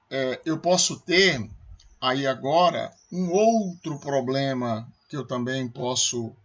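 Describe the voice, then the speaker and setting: A man's voice: medium pitch, fairly bright tone, muffled recording. A man with a Brazilian Portuguese accent, a math professor giving a recorded calculus lecture, explaining step by step and checking with his students as he goes.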